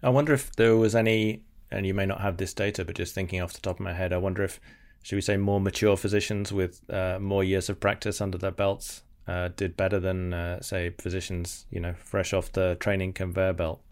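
A man's voice: sits low, flat delivery, fairly quick, a little mellow. A man hosting a podcast interview, asking thoughtful questions. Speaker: podcast host.

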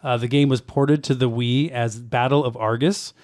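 A man's voice: mid-range voice, normal speed, no echo. Man hosting a casual retro gaming chat. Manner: relaxed, joking, reads out segment lists. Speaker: podcast host.

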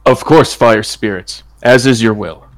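A man's voice: mid-range voice, unhurried, no room sound, natural voice. A man playing a polite, honourable werewolf traveler in a tabletop game, speaking in a formal, solemn way. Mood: respectful. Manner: formal, deferential. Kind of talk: tabletop role-play character acting.

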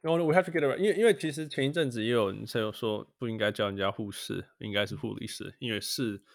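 Male podcast host, with English phrases mixed in, casual, creaky, dry recording. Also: lowish voice, fast talker, no room sound. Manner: mixes English phrases into Mandarin.

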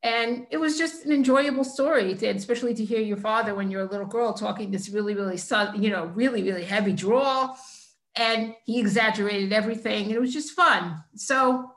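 A middle-aged woman. She is an author and guest who tells a personal story in conversation, emphatic and animated, often stammering and restarting. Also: a little high, fairly quick, roomy sound. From New York, United States.

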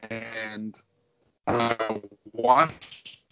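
A man's voice: lowish voice, flat delivery, drawn-out words, fairly bright tone, clean tone, no echo, soft background music. Middle-aged man, video call audio, dull lo-fi sound, very dry, enthusiastic rambling storyteller, interview guest. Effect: heard over a video call, connection breaking up. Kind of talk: casual interview.

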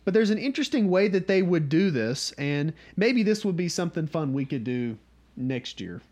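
A man from North Georgia with a Southern US accent leads a casual Bible study, his voice slightly high, sing-song, and a little mellow at a normal pace. He keeps things conversational and often checks in with his listeners by asking "okay?"

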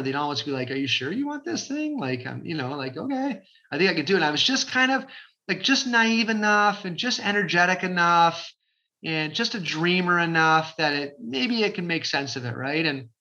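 A man in his forties from Ontario, Canada, talking as an interview guest in an energetic, chatty way, with lots of fillers. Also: a little high. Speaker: guest, realtor. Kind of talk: casual interview talk. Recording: dull lo-fi sound.

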